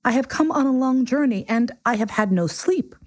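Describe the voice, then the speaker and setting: A woman's voice: on the high side, big pitch swings, unhurried, breathy edge, pitched above the performer's own voice, exaggerated voice. A woman voicing a timid, polite little boy prince in a storybook, hesitant and curious. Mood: embarrassed, apologetic. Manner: hesitant, deferential, questioning.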